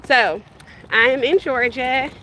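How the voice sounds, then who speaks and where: Speaking slowly in a high, sharp voice, a woman from the Bahamas in her thirties chats and wanders from topic to topic with her livestream audience, addressing them directly. She's outdoors walking with a stroller, filmed on a handheld phone, so the low-quality audio carries street sounds.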